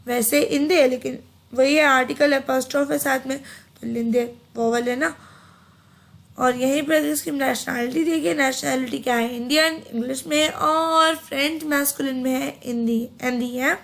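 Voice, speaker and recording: A woman giving a casual online French lesson, chatty and repeating each word slowly for pronunciation, mixing Hindi with English phrases. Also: high-pitched, fairly even intonation, gravelly, a bit bright. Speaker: French teacher.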